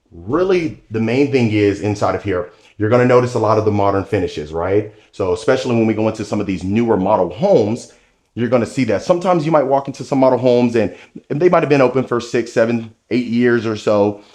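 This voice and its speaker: A man's voice: on the low side, lively intonation, fairly quick, darkish tone. Enthusiastic man giving a house tour. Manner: enthusiastic, salesy, addresses viewer directly. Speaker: home tour host. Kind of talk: walkthrough house tour narration. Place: indoors, new model home.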